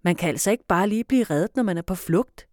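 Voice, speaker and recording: Lady doing a whiny hungry little boy in a storybook, stubborn and loud. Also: on the low side, animated, no echo, clean studio sound, natural voice. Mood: sulky.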